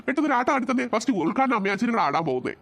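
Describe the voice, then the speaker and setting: A woman voicing a bossy but good-natured father in a cartoon, brisk and scolding. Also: a little high, very animated, background noise. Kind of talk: cartoon voice acting.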